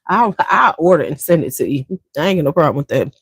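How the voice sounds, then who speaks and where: A woman's voice: deep voice, big pitch swings, fast, husky, no room sound. A woman hosting a beauty livestream, chatting casually and slangily straight to her viewers.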